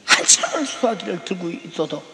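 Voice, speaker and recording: Male pastor, high and lively delivery, emphatic sermon full of rhetorical questions, recorded in a reverberant sanctuary. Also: a little fast, gravelly, noisy background. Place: large church sanctuary. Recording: echoey church hall with long reverb.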